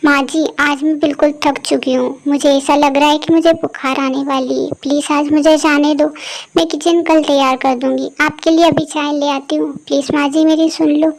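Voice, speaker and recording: A woman's voice: sits high, flat delivery, moderate pace, creaky, poor audio. A woman voicing a timid young bride who pleads anxiously in a cartoon story. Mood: pleading.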